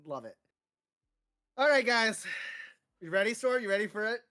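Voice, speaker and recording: Hosting a hot sauce challenge on a live stream, a woman groans and complains in casual chat as the spice burns her mouth and makes her eyes water. She speaks at a normal speed in a fairly high, bright, forceful voice with lively intonation.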